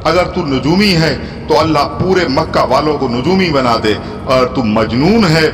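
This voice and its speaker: A man voicing a pleading elderly woman, his voice climbing high and tearful as she pleads and blesses. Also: moderate pace, lightly acted. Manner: tearful, pleading, rising to high emotional appeals. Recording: long hall reverb with soft music.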